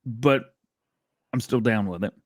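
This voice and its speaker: A man's voice: medium pitch, a little slow, no echo, studio quality. A man hosting a livestream, chatting casually and laughing often, with playful sound effects. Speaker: livestream show host.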